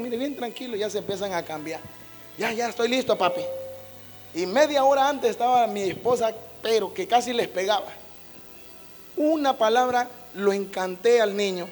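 A man preaches in a high voice. He tells folksy, homey stories and slips into playful voices as he acts them out. His voice rings through a reverberant church hall with faint music underneath. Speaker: pastor. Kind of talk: sermon.

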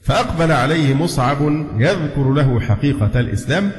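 Egyptian sheikh teaching in an echoey hall. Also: male voice, medium pitch, animated, fairly quick. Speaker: sheikh giving a religious lesson. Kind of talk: religious lesson mixing classical narration and colloquial asides. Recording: echoey hall with long reverb.

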